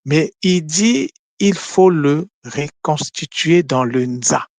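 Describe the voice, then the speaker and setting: A man giving a spoken lesson on word meanings, slow and deliberate, pausing often with fillers. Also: on the high side, expressive, no echo. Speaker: language teacher.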